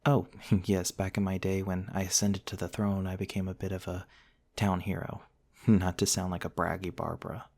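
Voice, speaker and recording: This is a soft, intimate ASMR roleplay in which a man takes the part of a centuries-old vampire prince, gentle and courtly, tender and hesitant in his old-fashioned politeness. His voice is deep and creaky.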